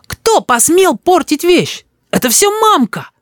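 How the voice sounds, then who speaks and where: A man's voice: wildly swooping pitch, unhurried, no echo, clean studio sound, full character voice. A man reading an audiobook and voicing a bold, spoiled little boy who shrieks and demands. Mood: furious. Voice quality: shrill, shouting.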